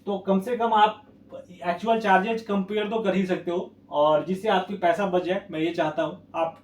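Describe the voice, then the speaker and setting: A man's voice: sits high, steady tone, moderate pace. A man working as an education consultant speaks to camera. He sounds blunt and scolding, warns viewers and keeps repeating a checking phrase. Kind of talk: warning talk to camera. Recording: echoey room, distant mic.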